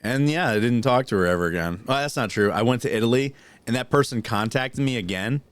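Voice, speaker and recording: A man of middle pitch who co-hosts a podcast and rambles through stories with plenty of swearing. He often restarts his sentences and leans on fillers. His voice sounds dry and close, with no room around it. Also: quick pace, smooth, dry recording. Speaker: podcast co-host. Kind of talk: casual storytelling chat, then reading news items.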